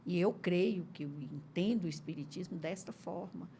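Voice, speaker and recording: A woman with a Brazilian Portuguese accent hosting a podcast interview, asking gentle questions with frequent tag questions. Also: on the low side, moderate pace, gravelly, slight background noise. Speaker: podcast host.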